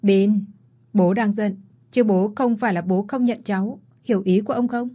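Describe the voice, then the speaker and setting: A woman's voice: mid-range voice, steady tone, moderate pace, warm tone, lightly acted. A woman voicing a kindly, worried older father and grandfather who pleads with and scolds his son in a storybook reading. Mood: soothing.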